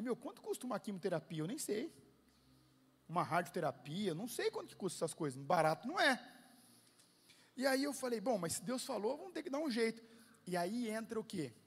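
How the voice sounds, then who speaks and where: A Brazilian man with a Brazilian Portuguese accent, a pastor telling a story in a sermon, swinging between hushed asides and loud, animated bursts. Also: extremely high pitch, vocal fry, slightly rough. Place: large church hall. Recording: long reverb of a large hall.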